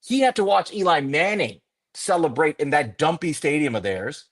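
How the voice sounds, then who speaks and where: Fired-up, profane football fan ranting. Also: male voice, fairly high pitch, expressive, normal speed. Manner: impassioned, profane, building to angry shouting. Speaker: podcast co-host. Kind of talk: fan sports podcast rant.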